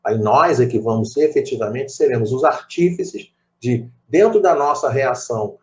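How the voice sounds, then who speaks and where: A man's voice: mid-range voice, lively intonation, normal speed, a little mellow. A middle-aged man with a Rio de Janeiro accent leading a spiritist study group, telling stories with many asides and repeated phrases. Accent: Rio de Janeiro Portuguese. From Brazil. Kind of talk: conversational group study talk.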